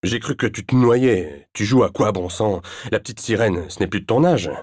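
A man's voice: fairly low pitch, moderate pace, a little mellow, no echo, studio quality, voice pushed up, close to an everyday voice. A man voicing a wry, battered ex-husband.

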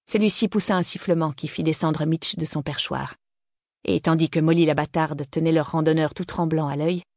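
Steady male audiobook reader, even delivery, dry studio sound. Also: on the high side, no echo. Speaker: audiobook narrator. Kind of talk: scripted narration.

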